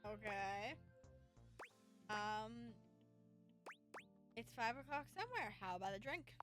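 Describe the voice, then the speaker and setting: A woman streaming a dating game, chatting playfully and reacting out loud to what happens. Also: on the high side, lively intonation, slow. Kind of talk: casual gameplay commentary. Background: game music.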